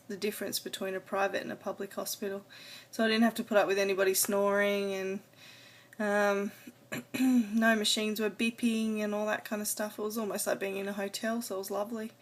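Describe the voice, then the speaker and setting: A level-toned, mid-range female voice moves along at normal speed. The speaker is an adult vlogger talking casually to camera for her personal video diary, somewhat hesitant, rambling, and prone to trailing off.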